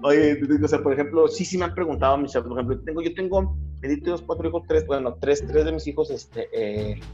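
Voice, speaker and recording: A man's voice: fairly high pitch, fast, warm tone, muffled recording, soft background music. Rambling Mexican man telling jokes. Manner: rambling, repeats words, playful slang. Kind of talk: casual joke-telling.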